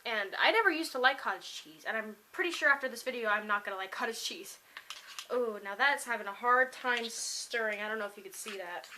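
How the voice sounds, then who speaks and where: A woman's voice: on the high side, fairly quick, background noise. A young woman vlogging casually at home, rambling upbeat with many fillers as she taste-tests food. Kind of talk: casual chatty vlog. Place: home kitchen.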